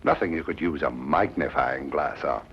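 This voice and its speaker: An actor playing a self-assured police inspector who talks in a blunt, dismissive way. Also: male voice, extremely low pitch, moderate pace, slightly rough, full character voice. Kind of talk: 1950s TV drama acting. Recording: dull 1950s TV soundtrack.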